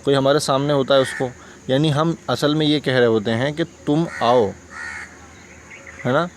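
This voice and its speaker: Male teacher with a Hindustani accent, mid-pitched, patient explainer, faint background noise. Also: steady tone, moderate pace. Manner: patient, repeats examples, asks checking questions. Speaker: English teacher. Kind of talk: explaining grammar lesson.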